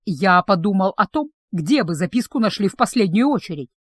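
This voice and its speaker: A woman's voice: medium pitch, sing-song, a little fast, dry recording. A woman voicing a clever male adventurer who speaks plainly and matter-of-factly.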